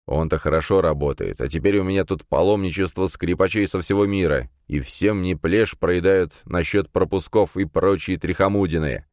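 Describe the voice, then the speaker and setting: Curt, grumbling middle-aged rector, read by a man in a low voice. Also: normal speed, hardly any pauses, a little mellow, no room sound, studio quality. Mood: irritated. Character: grumpy middle-aged male university rector.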